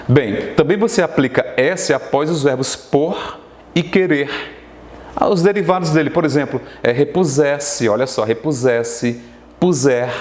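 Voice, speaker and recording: A male teacher with a Brazilian Portuguese accent walks viewers through spelling rules on a televised lesson. His voice sits at a middle pitch and carries a noticeable room echo. He keeps tossing quick check-ins at the class as he explains. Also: darkish tone. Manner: explanatory, asks frequent check-ins to students. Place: studio classroom.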